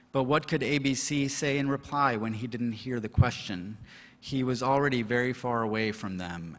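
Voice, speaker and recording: Male translator at a podium, mid-pitched voice, measured reading with halting asides, long hall reverb. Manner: deliberate, measured reading with hesitant asides full of fillers. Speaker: award-winning literary translator. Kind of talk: reading translated prose aloud at an awards reception. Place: reception hall.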